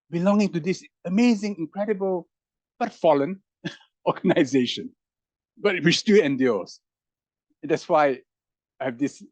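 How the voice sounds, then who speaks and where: A man on a roundtable panel gives animated, reflective public talk, musing through rhetorical questions with emphatic rises in his voice. His voice is a little high with a darkish tone and no echo.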